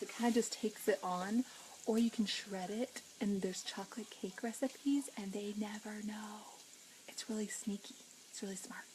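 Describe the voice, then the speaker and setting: Cooking at home on a live stream, a middle-aged vlog host chats casually and calls out viewers by name. Her voice is fairly high and fairly bright. The recording is rough, with a little hiss or hum.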